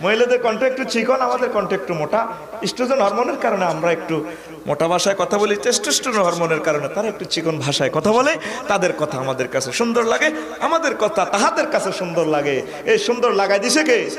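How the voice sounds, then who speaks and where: Sermon preacher: man, Comilla Bangla accent, high voice, crowd behind. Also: expressive, a little fast, reverberant. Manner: humorous, shouting, acts out women's voices.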